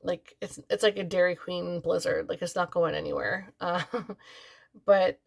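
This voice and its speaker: A woman's voice: lowish voice, fairly even intonation, normal speed, vocal fry. A tired, yawning woman chatting casually as a beauty vlogger, rambling with lots of fillers. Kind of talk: casual product review chat.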